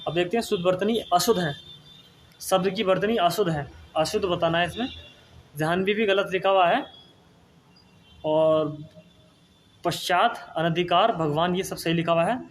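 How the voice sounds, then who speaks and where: A man's voice: high-pitched, a little hiss or hum. A man teaching an exam-prep spelling lesson, repeating each word and checking in with his students after every answer. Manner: repeats words, asks and answers, tag "ठीक है ना".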